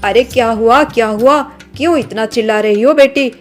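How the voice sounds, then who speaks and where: A woman voicing a kind middle-aged mother who gently chides her daughter, in a storybook drama. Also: on the high side, moderate pace, soft background music, close to an everyday voice. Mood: gently chiding. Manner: soothing, mildly chiding.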